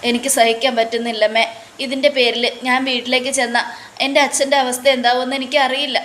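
A woman's voice: on the high side, level tone, quick pace, a bit bright, slight background noise, lightly acted. A woman voicing a tearful pleading young wife. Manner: pleading, sobbing speech.

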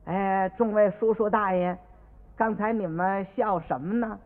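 A man voicing a cheeky, clever young schoolboy who answers softly and slowly, as if innocent, heard on an old radio recording with long reverb. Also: high voice, steady tone, narrow, tinny audio. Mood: sly innocent. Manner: soft, slow, innocent-sounding replies. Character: cheeky clever schoolboy poet, sly and mild.

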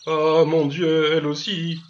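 A man's voice: mid-range voice, lively intonation, moderate pace, highs cut off, a little hiss or hum, voice pushed up, close to an everyday voice. A man voicing an anxious old farmer who pleads and exclaims in dismay, with birds chirping behind. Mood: pleading.

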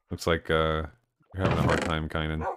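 A man streaming a game live, chatting casually with viewers in a low-key, deadpan way. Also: no room sound, studio quality. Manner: low-key and deadpan, even when excited. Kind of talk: casual live-stream chat while gaming. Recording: noisy with clicking in the background.

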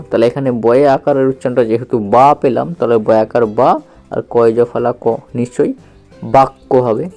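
A man teaching a basic reading lesson, slowly spelling out each syllable and asking the learner questions as he goes. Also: a little high, darkish tone. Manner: slow, repetitive, patient explaining with questions to the learner.

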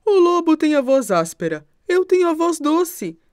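A woman's voice: high-pitched, big pitch swings, moderate pace, dry recording, studio quality, voice pushed up. Woman doing a sweet, protective mother goat. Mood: caring. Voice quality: sweet soft voice. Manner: warm, warning, motherly.

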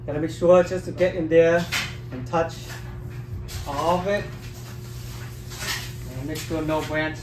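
This time the vlogger's voice sits a little high and steady, a bit slow with frequent pauses, against a noisy background. Filming his hands on a handheld phone, he casually walks through hand-pollinating plants in a basement grow room, filling gaps with "like" and "um."

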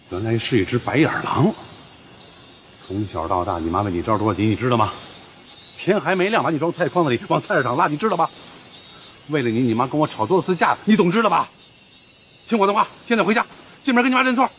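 A man's voice: medium pitch, expressive, noisy background, close to an everyday voice. An actor playing a stern, hot-tempered uncle who scolds a boy in a TV family drama. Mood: scolding. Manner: scolding, loud and fast. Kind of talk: TV period family drama acting.

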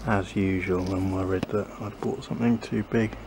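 Deep, with fairly even intonation and vocal fry, this man talks at normal speed. He's a gardening vlogger planting in a small backyard, chatting to camera in a loose, thinking-aloud way, second-guessing himself and often trailing off. Noisy outdoor ambience runs underneath.

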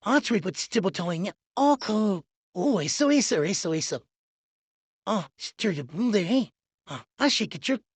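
Animated woman doing casual gameplay commentary, slightly husky. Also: mid-range voice, normal speed, no echo. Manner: exclamatory, repeats words in bursts. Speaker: gaming video creator.

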